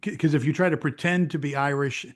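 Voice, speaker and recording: Older American man, halting and repetitive. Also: fairly high pitch, fairly even intonation. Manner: talks in halting bursts with repeated words and restarts. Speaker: interview guest, veteran news broadcaster. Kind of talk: casual conversational interview.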